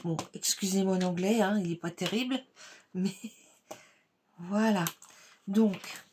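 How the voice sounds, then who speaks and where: A woman talks through a card-making tutorial at her craft table at home. She speaks very slowly in a chatty, unhurried way and often pauses on fillers as she works. Her voice sits at a middling pitch, with a faint hiss behind it. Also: darkish tone. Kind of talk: casual step-by-step craft tutorial.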